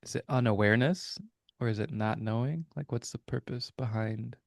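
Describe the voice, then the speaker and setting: A man's voice: mid-range voice, moderate pace, creaky, dry recording, studio quality. A man co-hosting a reflective spiritual podcast, musing aloud and searching for his words with many hesitations. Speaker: podcast co-host. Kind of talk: casual reflective conversation.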